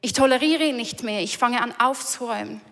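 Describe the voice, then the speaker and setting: Woman preacher, earnest, repeats herself for emphasis, high-ish voice, echoey church hall. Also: a little fast, gravelly, fairly bright tone, soft background music. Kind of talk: sermon.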